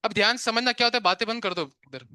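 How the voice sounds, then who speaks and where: A man teaching physics to a live class, chatty and quick to tell students to stop talking and pay attention, mixing English terms into his Hindi and asking questions he answers himself. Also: sits high, sharp tone, clear, resonant tone, no echo, studio quality.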